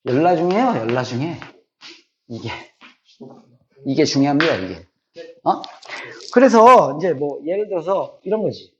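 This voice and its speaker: A man's voice: a little high, animated, measured pace, long pauses, a bit bright, muffled recording, slight background noise. A middle-aged man teaching a math class, repeating key points and often checking that students follow.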